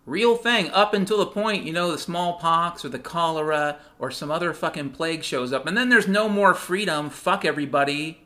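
A man's voice: on the high side, moderate pace, few pauses, pushed and bright. A male podcast host delivering a heated, sarcastic monologue, swearing often. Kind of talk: profane ranting monologue.

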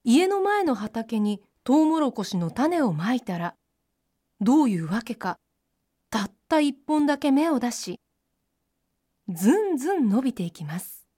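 A woman reads a children's folk tale aloud in a gentle, clear way, her voice high and bright. The sound is dry and close to the mic. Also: very animated, measured pace, pauses often, no room sound. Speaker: storyteller. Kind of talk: children's storybook narration.

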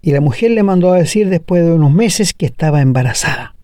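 A man's voice: a little high, animated, fast talker, dark tone, no room sound, studio quality. A middle-aged man with a Chilean Spanish accent, preaching an earnest sermon and speaking directly to his listeners.

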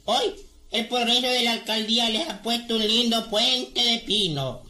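Comic village mayor, folksy and soothing, high sharp voice, roomy sound. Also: male voice, moderate pace, full character voice. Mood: boastful. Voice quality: high, bright voice with rustic slang. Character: folksy male village mayor, jovial and placating. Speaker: small-town mayor. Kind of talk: radio comedy sketch acting.

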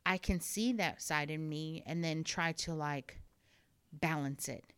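A middle-aged woman with a slightly lower voice talks openly on a podcast. She pokes fun at herself and laughs easily. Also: measured pace, fairly bright tone, smooth. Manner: candid, self-deprecating, laughs often. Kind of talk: casual chat.

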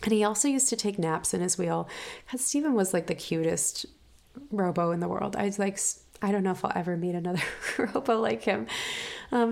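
A woman chatting casually about her own life in a halting, thinking-aloud way, with mouse clicks behind her. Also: medium pitch, gravelly, a little mellow. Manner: halting, thinking aloud with frequent "like" and trailing restarts. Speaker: hamster owner and podcast or vlog host. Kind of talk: casual personal chat, rambling.

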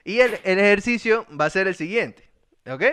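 High-voiced man hosting a live stream. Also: animated, normal speed, fairly bright tone, clear, resonant tone. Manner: leads the game, coaxing and encouraging. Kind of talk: casual live chat.

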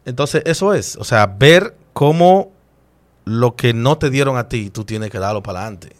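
A man, a chef guest in an interview, telling stories in an animated and emotional way with frequent restarts. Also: medium pitch, moderate pace. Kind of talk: casual interview storytelling.

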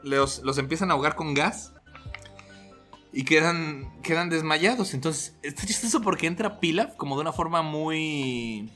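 A man, hosting a casual podcast and retelling scenes in an animated way, laughing often. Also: a little high, moderate pace, soft background music. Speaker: podcast host.

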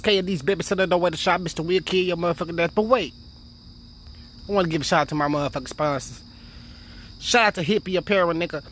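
A man's voice: high-pitched, a bit bright, slight background noise. A man hosting his own podcast in loose, boastful street slang, full of profanity and filler tags like "you dig" and "you know what I'm saying". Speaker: podcast host. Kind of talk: casual profane podcast chat. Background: faint crickets and insects.

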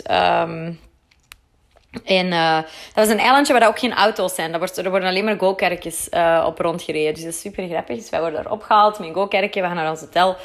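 A young woman with a Flemish accent telling a personal story in a casual, chatty way, swearing freely as she goes. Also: mid-range voice. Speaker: vlogger.

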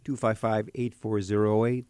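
A man's voice: fairly low pitch, little pitch movement, moderate pace, mellow, clean tone, no room sound, studio quality. A man in his sixties hosting a morning radio talk show as a priest, chatty and reminiscing. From Chicago area. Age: 60s.

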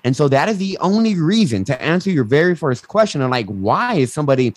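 A man's voice: on the high side, sing-song, fast, no echo. A man with a lisp who says w for r, explaining ideas emphatically as a coach and interview guest. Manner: emphatic, mild swearing, acts out quotes. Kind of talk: animated explanatory interview talk. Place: indoors, online video call.

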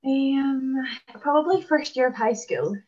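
A Scottish woman in her twenties, a basketball player and dentist, chatting casually in an interview with many "um" pauses. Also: high-pitched, lively intonation, a little mellow, muffled recording. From Scotland.

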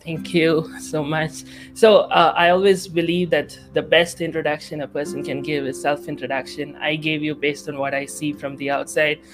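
A man's voice: a little high, flat delivery, moderate pace, few pauses, music in the background. A male podcast host interviewing a guest, talking with many fillers and restarts. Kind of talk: interview conversation.

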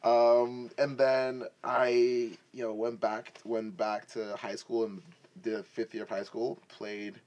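Slow and a little mellow, this man's mid-range voice barely moves in pitch, and the recording is low quality. He's a football player in his twenties, originally from West and East Africa and later Canada. On a podcast, he chats casually and tells his story with banter and slang.

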